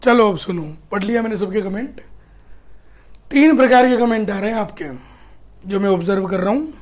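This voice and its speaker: A man's voice: sits high, moderate pace. A middle-aged man with a Rajasthani accent, teaching history in a live online class, reading out student comments and quizzing them in a chatty, teasing way.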